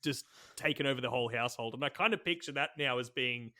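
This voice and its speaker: A man's voice: medium pitch, quick pace, bright, forceful tone. A man co-hosting a comedy podcast who tells crude, joking stories. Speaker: podcast co-host. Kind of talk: casual comedic chat.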